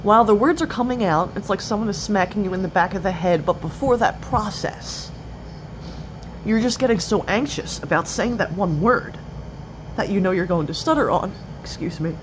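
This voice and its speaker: A woman of twenty-eight talking confessionally in halting, broken-up phrases, with an occasional stutter. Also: medium pitch. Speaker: person sharing experience of stuttering in a video. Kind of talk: personal confessional talk. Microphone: cell phone. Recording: noisy cell phone recording.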